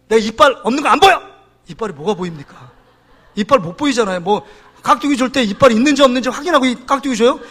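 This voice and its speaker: A middle-aged male pastor preaching a sermon, telling stories in an animated way and acting out the people he quotes. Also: very high-pitched. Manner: animated storytelling, acts out quoted voices.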